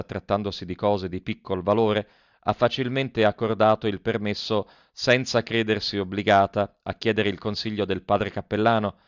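A cautious old nun writing in ceremonious, careful phrases, read by a man in his own low voice. The delivery is measured and formal, on a dry, close recording that sounds dull and muffled. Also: smooth, no room sound, close to an everyday voice. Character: elderly nun, cautious, formal letter writer. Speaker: audiobook reader. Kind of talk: reading a formal letter aloud.

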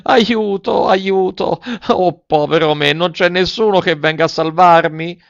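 A man's voice: expressive, normal speed, a bit bright, dry recording, natural voice. A man voicing a frightened, tearful wooden puppet boy with a whiny, pleading manner. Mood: crying. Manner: whiny, pleading, high-pitched. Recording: dull, dry audiobook recording.

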